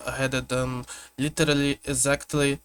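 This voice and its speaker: A man reacting on a stream, chatting casually with slow, easygoing asides. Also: medium pitch, flat delivery, a little hiss or hum. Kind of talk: casual chat.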